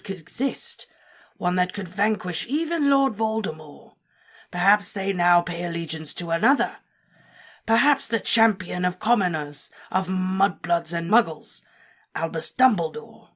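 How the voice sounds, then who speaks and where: A woman voicing a cold, cruel male dark wizard lord, speaking softly, slowly and with deliberate menace. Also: lowish voice, slightly rough, pitched above the performer's own voice, full character voice. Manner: soft, menacing, slow and deliberate.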